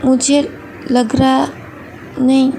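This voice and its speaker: A woman doing a shy young college girl who halts and trails off. Her voice is high and gravelly, with a dark, mellow tone. It is read for a fan storybook. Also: level tone, a little hiss or hum, heavily acted. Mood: hesitant. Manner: hesitant, halting. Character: shy tearful young female college student.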